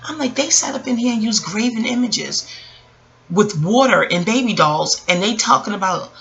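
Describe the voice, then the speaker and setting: A woman in her early forties, a vlogger, recounts a personal story with casual reflection, wandering into digressions and animatedly acting out quoted dialogue. Her medium-pitched voice is gravelly and moderately paced, and the recording's highs are cut off.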